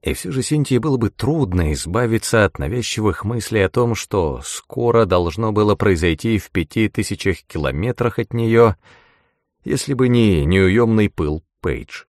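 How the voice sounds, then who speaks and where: A man narrating an audiobook in a calm, steady reading voice. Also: lowish voice, normal speed, no room sound, studio quality. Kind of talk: scripted narration.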